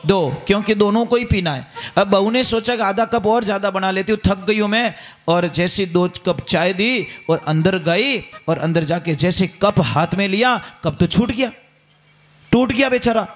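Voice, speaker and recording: A man's voice: sits high, moderate pace. A man with a Rajasthani accent giving a folksy, storytelling sermon, often turning to ask his listeners questions. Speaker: religious storyteller.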